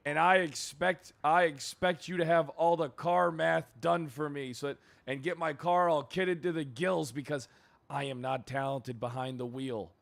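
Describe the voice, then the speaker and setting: A man in role-play as a police chief, sarcastic and prone to loud, cursing outbursts. His voice sits a little high and sounds bright and forward. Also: steady tone, normal speed, creaky. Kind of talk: in-character role-play chat.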